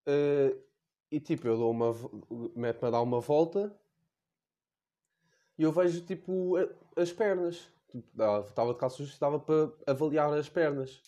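A man's voice: a little high, moderate pace, mellow. A young man with a European Portuguese accent, hosting a comedic podcast monologue in a rambling, slangy, crude way. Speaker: podcast host.

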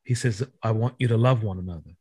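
A man's voice: lowish voice, quick pace, darkish tone, breathy edge, no echo. A man hosting a faith podcast, earnestly explaining scripture and asking his guest questions. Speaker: podcast host. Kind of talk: interview with scripture teaching.

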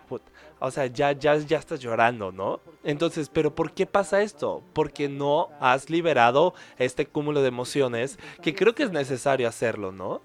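Man hosting a casual podcast. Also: on the high side. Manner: conversational, many fillers and "no?" tags.

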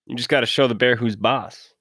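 A man's voice: mid-range voice, steady tone, a little fast, a bit bright, no room sound, studio quality. A man from Minnesota hosting a casual interview, asking questions in a laid-back way. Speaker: host.

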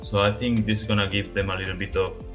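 A very deep-voiced man co-hosting a podcast, his voice sharp and forward. He talks in a relaxed, rambling way, and faint music plays behind. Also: fast. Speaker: podcast co-host. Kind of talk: casual podcast chat.

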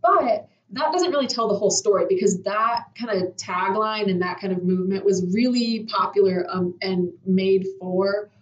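A woman's voice: mid-range voice, normal speed, few pauses, muffled recording. A young woman giving casual, informal explanations as a podcast guest, in a roomy recording away from the mic. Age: young adult. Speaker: podcast guest, doctoral researcher. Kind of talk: casual explanatory interview talk. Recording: roomy echo, distant from the mic.

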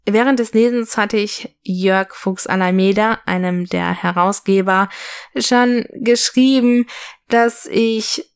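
A woman's voice: mid-range voice, takes it slowly, clear, resonant tone. A woman narrating a children's story, then chatting about the book she read. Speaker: book reader and reviewer.

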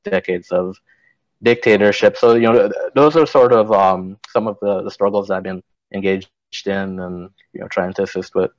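Low-voiced man from Guyana, measured. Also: steady tone, no echo, muffled recording. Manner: measured, thoughtful explaining. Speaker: author and activist guest. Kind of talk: interview answers.

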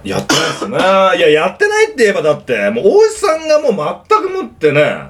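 Lively-voiced man bantering on a podcast. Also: sits high, quick pace, recorded from a distance. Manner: playful, teasing banter. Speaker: podcast co-host. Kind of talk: casual chat.

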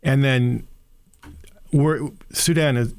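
A man's voice: medium pitch, fairly even intonation, takes it slowly, darkish tone. A man hosting an interview podcast, asking curious, tentative questions and hedging often. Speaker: podcast host.

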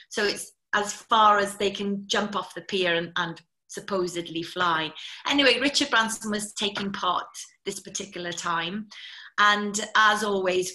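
On a rough recording, a female TV presenter appears as an interview guest and chats away with anecdotes. She's a lively, talkative storyteller with a mid-range voice.

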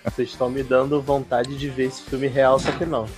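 A man's voice: medium pitch, level tone, a little fast, breathy edge, soft background music. A Brazilian man co-hosting a casual podcast, reviewing films with ironic jokes. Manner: ironic, joking. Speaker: podcast co-host. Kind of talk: casual chat, film review.

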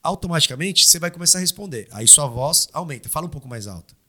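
A man with a bright, slightly high voice, chatting on a podcast into a studio mic. He gets animated as he argues, his voice climbing when he presses a point. It is relaxed, loose conversation. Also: fast. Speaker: podcast host. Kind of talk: casual podcast chat. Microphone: studio microphone.

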